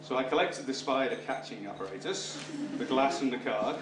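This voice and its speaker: A man's voice: mid-range voice, animated. Middle-aged British man, wedding speech, wry delivery, distant mic, noticeable room noise. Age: middle-aged or older. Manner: dry, wry humour with pauses for laughs. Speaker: father of the bride giving a speech. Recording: roomy, distant microphone, clear background noise. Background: room noise and guests laughing.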